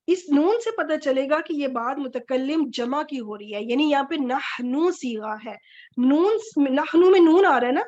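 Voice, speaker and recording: A woman gives a recorded grammar lecture in a high voice. She is patient, and she says each verb form slowly more than once and stresses the endings. The sound is dull and lo-fi. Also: a little mellow. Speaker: Quranic Arabic grammar teacher.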